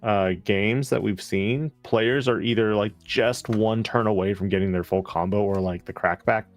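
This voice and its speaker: A man co-casting a card game tournament live, calmly breaking down the plays. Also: fairly low pitch, moderate pace, soft background music. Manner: calm, explanatory, breaks down plays. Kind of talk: live color commentary.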